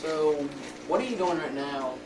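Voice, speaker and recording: A man fronts a homemade show with casual, informal phrasing. His voice comes from off-mic in an echoey space, with clear background noise. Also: on the high side, expressive, moderate pace. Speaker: mock talk show host and ad pitchman. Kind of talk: amateur talk show presenting. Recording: echoey, noisy, distant amateur camcorder audio.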